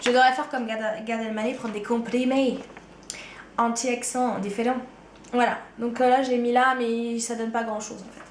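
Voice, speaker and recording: A woman's voice: fairly high pitch, flat delivery, moderate pace, reverberant, a little hiss or hum. A woman vlogger with a touch of Ardennes French accent, chatting loosely and casually to camera about her favourite things. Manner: chatty, loose, slangy, trails off with "quoi". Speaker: beauty vlogger. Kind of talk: casual chat.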